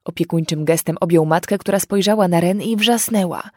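A woman narrating a dark fantasy story in a measured, expressive reading. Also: fairly low pitch, no echo, studio quality. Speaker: audiobook reader.

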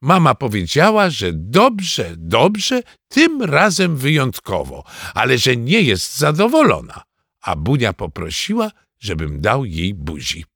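A man narrating a children's storybook in an expressive storytelling manner. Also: mid-range voice, a little slow, creaky, husky, no echo, studio quality. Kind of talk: storybook reading.

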